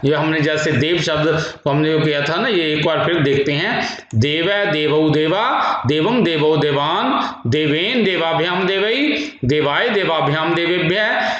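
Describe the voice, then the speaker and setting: Guy teacher from india chanting grammar drills real slow, slightly high voice, super echoey dull recording. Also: fairly bright tone. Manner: chants word forms slowly in a singsong drill. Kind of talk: classroom lecture with recitation. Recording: echoey room, dull lo-fi sound.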